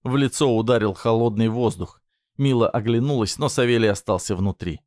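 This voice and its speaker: A man narrating a story in a steady, even reading voice. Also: medium pitch, brisk, no echo, studio quality.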